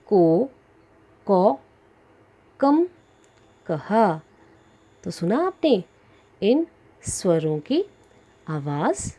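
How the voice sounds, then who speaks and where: A woman teacher speaks slowly to young pupils. Her pitch rises and falls a lot as she spells out each syllable with care. Her voice is mellow and soft-edged. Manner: slow, deliberate syllable drills for children. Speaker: primary school teacher. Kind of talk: classroom lesson.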